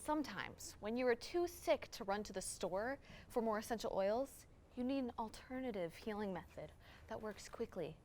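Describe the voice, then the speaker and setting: A woman's voice: fairly high pitch, animated, normal speed, darkish tone, slight background noise, natural voice. A young woman playing an eccentric, theatrical co-host of an occult comedy talk show. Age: young adult. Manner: theatrical, odd. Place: TV studio set.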